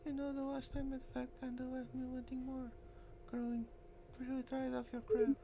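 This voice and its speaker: A woman with a high, warm, monotone voice reads visual novel dialogue at a normal pace, acting as a blunt, weary female squad leader. There's a slight hiss or hum on the recording.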